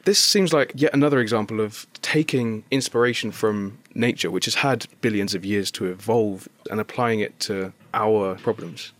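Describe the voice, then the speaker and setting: A man's voice: lowish voice, normal speed, few pauses. A man working as a science reporter, putting prepared questions to a guest in an interview.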